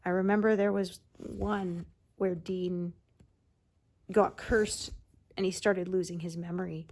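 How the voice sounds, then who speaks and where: A woman's voice: on the low side, fairly even intonation, slow pace, a little mellow. A woman hosting a cross-stitch video, chatting casually as she works, rambling with fillers and laughing often. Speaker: crafting video host.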